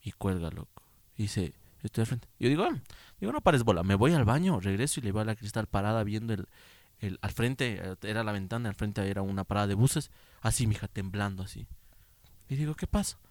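Animated man telling a ghost story. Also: on the low side, brisk, dry recording. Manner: animated, slangy, swears freely. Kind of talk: casual storytelling chat. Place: indoors at a jeans factory.

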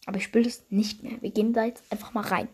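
A woman's voice: medium pitch, flat delivery, very fast. A young woman casually commenting on her gameplay, grumbling, swearing and muttering half-whispered asides. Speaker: gaming channel host. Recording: noisy home game recording.

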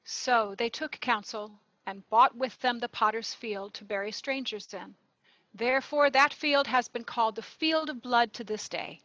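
Bright woman narrating scripture. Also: fairly high pitch, unhurried, no room sound, highs cut off. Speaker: narrator of the gospel reading. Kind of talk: liturgical scripture reading.

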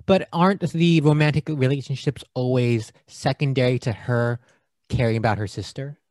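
A man's voice: medium pitch, moderate pace, darkish tone, dry recording. Man, podcast co-host, casual chatty talk, laughs often, dry close sound. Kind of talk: casual movie discussion.

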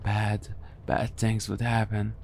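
A man voicing a nervous, anxious young man who speaks softly and stammers. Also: on the low side, monotone, takes it slowly, gravelly, a little hiss or hum. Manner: hesitant, stammering, soft.

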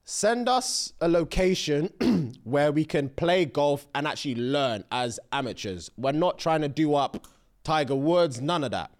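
Young man, London roadman accent, higher-pitched, lively delivery, casual sweary banter between mates. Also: measured pace. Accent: London, urban slang. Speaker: podcast co-host.

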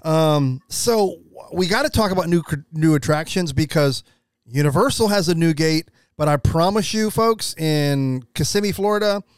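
A man's voice: a little high, moderate pace, smooth, dry recording, studio quality. An American man co-hosting a podcast in casual, rambling chat, speaking with emphasis. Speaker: podcast co-host.

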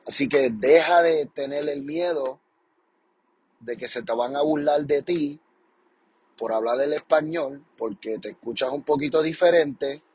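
A man's voice: fairly high pitch, darkish tone, slightly rough. A young adult man, hosting a podcast in a casual monologue, passionate and encouraging, often repeating his points and tagging them with a question. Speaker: podcast host.

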